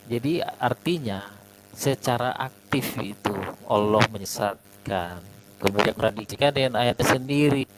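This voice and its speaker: Man, debater on a glitchy voice call with his voice dropping in and out, measured and methodical, noisy hum. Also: medium pitch. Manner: methodical, quotes verses, hesitates with eh. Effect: voice breaking up over a bad online connection. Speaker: debater in an online voice-chat religious debate. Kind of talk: argumentative debate over a voice chat.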